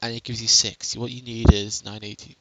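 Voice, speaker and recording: A man's voice: medium pitch, little pitch movement, fairly quick, heavy background noise. A young man casually narrating a game tutorial on a headset at home, rambling and correcting himself as he goes. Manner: rambling, self-correcting, chatty.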